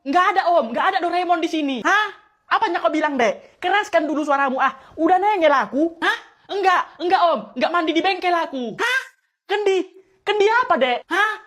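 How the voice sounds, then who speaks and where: A woman performing an animated comedy skit, voicing several characters and often shouting a puzzled "hah?". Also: extremely high pitch, brisk.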